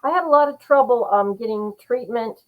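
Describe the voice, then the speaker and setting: A woman's voice: fairly high pitch, brisk, narrow, tinny audio. Earnest, rambling middle-aged woman. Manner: rambling, earnest, many fillers and restarts. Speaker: guest author. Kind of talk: casual interview chat.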